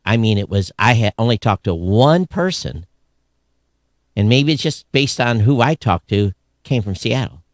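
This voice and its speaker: A man's voice: fairly low pitch, animated, normal speed, dry recording, studio quality. Grumbling man co-hosting a live podcast. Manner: rambling, grumbling, calls himself a curmudgeon; reads listener comments aloud. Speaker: podcast co-host.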